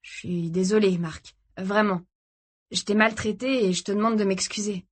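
A protective young man, read by a woman narrating a storybook, keeps his voice measured and placating. He apologizes carefully and evenly, holding back his anger to calm a dangerous situation. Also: mid-range voice, close to an everyday voice.

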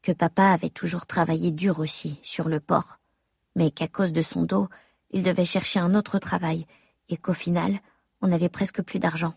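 Gravelly, husky woman narrating an audiobook. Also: on the low side, level tone, darkish tone, no room sound, studio quality. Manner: measured, intimate, addressing the mother. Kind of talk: first-person audiobook narration.

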